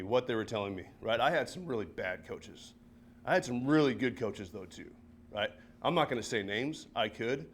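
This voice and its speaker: Man speaking with fillers and "right?". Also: medium pitch. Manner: conversational, warm, many fillers and tag questions. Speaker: high school football coach giving a talk. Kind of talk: personal talk at a seminar. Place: church meeting room.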